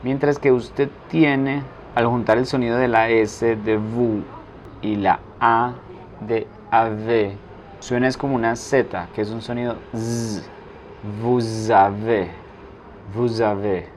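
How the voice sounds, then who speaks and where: A man teaching a language lesson, slowly and deliberately repeating each phrase for practice. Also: medium pitch, level tone, a little hiss or hum. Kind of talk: French lesson taught in Spanish.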